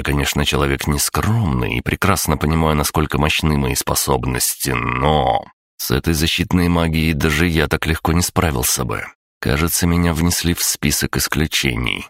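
A man narrating a first-person fantasy audiobook with a wry, even delivery. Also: very deep voice, gravelly, no room sound, studio quality.

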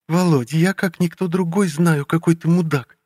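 A man's voice: a little high, steady tone, normal speed, dry recording, studio quality, pitched above the performer's own voice, close to an everyday voice. A man reading a novel aloud, voicing a bitter, tearful ex-wife whose voice trembles with scorn. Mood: scornful. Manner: scornful, sharp, trembling with anger. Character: bitter tearful ex-wife, woman in her thirties.

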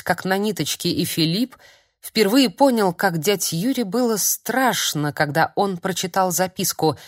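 A woman narrating an audiobook in a measured storytelling manner. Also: on the low side, no echo, clean studio sound. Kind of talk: scripted narration.

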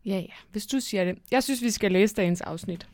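A woman co-hosting a children's Christmas podcast in calm, cheerful chat. Her pitch sits in the middle range. The sound is dry and close. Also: no room sound. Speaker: podcast co-host.

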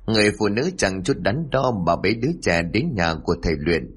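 Low, husky male narrator for a somber ghost story. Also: expressive, a little fast. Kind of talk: scripted horror narration.

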